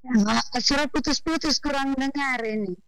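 A woman's voice: sits high, moderate pace, fairly bright tone, clear, resonant tone, no echo. A woman street vendor calling in to a radio interview from the roadside, giving short replies over a choppy phone line that keeps breaking up. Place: roadside outdoors.

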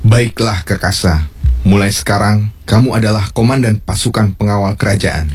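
A man's voice: on the low side, steady tone, moderate pace, a little mellow, breathy edge. A man playing a stern, dismissive king in a historical drama, with an imperious, declamatory delivery. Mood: deliberating. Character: stern, dismissive adult male king in his palace. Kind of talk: Indonesian historical drama dialogue.

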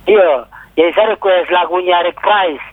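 A man's voice: sits high, steady tone, measured pace. A cheerful man calls in to a radio show, chatting casually and laughing often, his voice breaking up over a choppy phone line. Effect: choppy, breaking-up phone call. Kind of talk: casual chat.

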